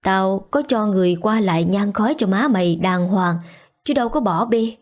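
A woman voicing a wealthy older woman making excuses in a hurried, defensive way. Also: mid-range voice, darkish tone, lightly acted. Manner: quick and self-justifying.

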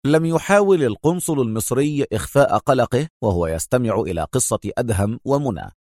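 A man reading dramatic audiobook narration in a measured storytelling way. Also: medium pitch, animated, a little mellow, dry recording, studio quality.

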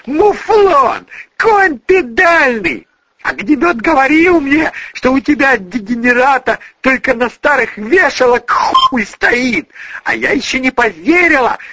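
A man's voice: sing-song, takes it slowly, few pauses, sharp tone, dry recording, exaggerated voice. A man voicing a drunk, jealous young woman who hisses and shrieks abuse, in a dull lo-fi recording. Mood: screaming. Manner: shrill, hissing, foul-mouthed tirade.

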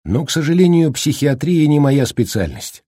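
A man voicing a calm, husky doctor. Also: a little high, normal speed, no room sound, clean studio sound, voice pushed up. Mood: calm explaining. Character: calm male doctor, measured and reassuring. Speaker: doctor in the story. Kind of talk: audiobook character reading.

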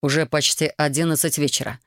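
A woman's voice: deep voice, steady tone, brisk, fairly bright tone, no echo, studio quality. A woman doing a stern, strict father. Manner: stern, clipped questioning.

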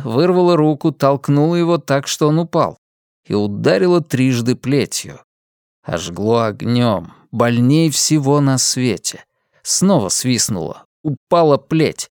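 Expressive audiobook narrator, lilting. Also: medium pitch, no echo, clean studio sound.

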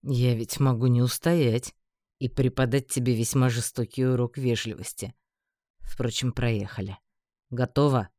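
Sarcastic male mage, read by the narrator, dry mocking tone, mid pitch, dead-dry sound. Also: steady tone, measured pace, dark tone, no echo, natural voice.

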